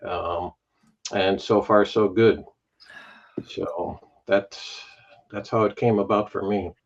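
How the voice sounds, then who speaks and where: Chicago man, low dull voice. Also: fairly even intonation, slow. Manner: self-deprecating storyteller with laughs. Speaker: YouTube vinyl channel host, guest. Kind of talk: casual livestream chat. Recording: dull lo-fi stream audio.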